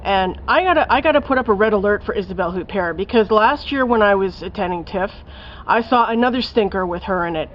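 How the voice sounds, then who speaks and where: A woman's voice: medium pitch, lively intonation, fast talker, dull audio, slight background noise. A woman giving a casual spoken film review, blunt and profane, ranting with lots of fillers. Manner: blunt, profane, scathing rant with many fillers.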